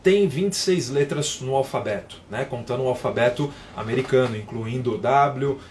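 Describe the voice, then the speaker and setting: A man's voice: mid-range voice, normal speed, darkish tone, a little hiss or hum. A man teaching English on a live stream, explaining patiently and reading out viewer comments as he goes. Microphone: phone.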